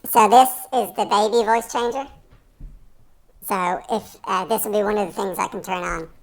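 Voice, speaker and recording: A man showing off a baby voice changer that turns his speech into a high, childlike squeak. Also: fairly even intonation, normal speed, gravelly. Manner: demonstrating the voice effect.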